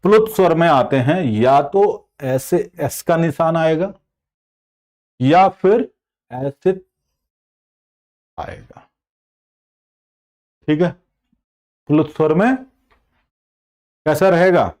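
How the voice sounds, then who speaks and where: A man's voice: on the high side, lively intonation, slow, long pauses, a little mellow. A man teaching an online exam-prep class. He explains patiently, asks the class questions and then answers them himself. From India. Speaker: Hindi teacher.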